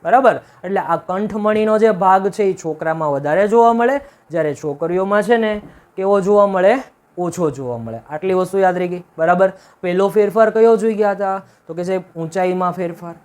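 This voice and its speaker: With a high, slightly mellow voice at a fairly quick pace, this male teacher runs a classroom-like video lesson. Repetitive and emphatic, he keeps answering his own questions and checks in again and again with "right?".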